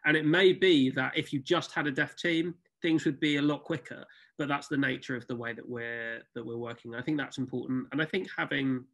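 A man's voice: medium pitch, steady tone, a little fast, fairly bright tone. A man theatre producer on a video call, speaking thoughtfully with frequent ums on a panel. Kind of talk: panel discussion.

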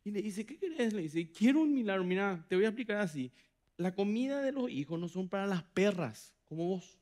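A man preaching a sermon as pastor, dramatic, acting out quoted voices with big swings from loud to hushed. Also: sits high, expressive, a little fast. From Paraguay. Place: church hall.

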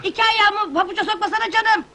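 An actress playing a brisk, chatty older midwife who scolds the neighborhood men in a 1970s film. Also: female voice, very high voice, bright, forceful tone, full character voice. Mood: bossy. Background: film score music.

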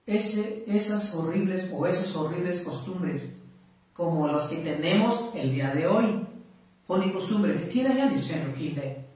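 A man's voice: sits high, a little mellow. A man preaching a sermon, switching between Mazatec and Spanish, with rising questions and lots of repetition. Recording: echoey room, voice far from mic.

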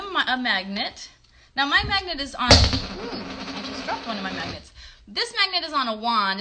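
Filmed on a phone held about arm's length away in a bedroom at home, this clip has a noisy background. A children's puppet show host, a woman in her thirties with a slightly high voice, casually demonstrates a craft and asks young viewers questions to encourage them.

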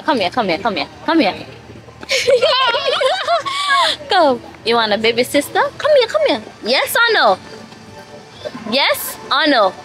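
A woman's voice: medium pitch, rough recording. A woman, tipsy from a drink, rambling and confiding to her phone camera in a casual vlog. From Saint Kitts and Nevis. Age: late 20s. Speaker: vlogger.

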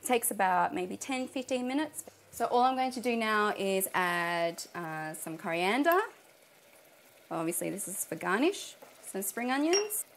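Cooking at home and later in a restaurant kitchen, an Australian woman who's a cooking show contestant talks casually through what she's doing. She's chatty with frequent fillers, her medium-pitched voice expressive and a little slow, with some hiss or hum.

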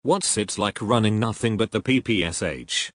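Low, dry male voice-over. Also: moderate pace, dry recording. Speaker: video creator. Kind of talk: reading text messages aloud as narration.

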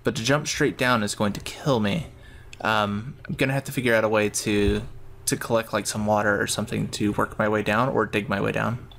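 A man with a fairly low voice talks through his video game as he plays. He rambles casually, thinking aloud from one step to the next. There is some faint noise behind him. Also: steady tone, brisk, creaky, hardly any pauses, a bit bright. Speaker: gamer narrating his own play. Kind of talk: casual gameplay commentary.

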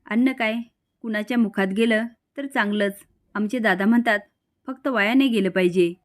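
A woman's voice: medium pitch, normal speed, lightly acted. A woman narrator voicing a polite, firm young bride in a storytelling recap. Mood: calm. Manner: respectful but steady.

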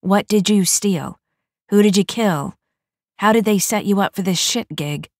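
A woman's voice: on the low side, a little slow, no echo. A woman voicing a seasoned female mech soldier who talks in a dry, matter-of-fact way, in an audiobook. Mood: wry.

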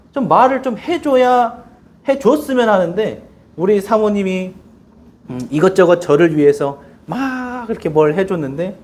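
A male pastor preaching a sermon in a church, telling stories animatedly and acting out quotes. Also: fairly high pitch. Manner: animated storytelling with acted quotes.

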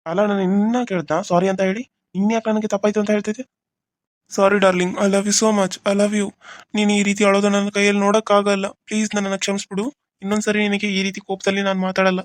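A man's voice: sits high, little pitch movement, a little fast, no room sound, clean studio sound, natural voice. A man voicing a moody young husband in a cartoon serial, brooding and harsh by turns. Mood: apologetic. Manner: brooding, harsh, then pleading. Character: young husband, moody, torn between two women.

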